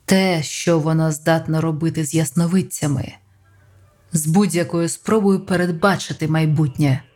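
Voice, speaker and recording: An audiobook narrator reads scripted prose in a measured, even way. The pitch sits mid-range, and soft music plays faintly underneath. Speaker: audiobook reader.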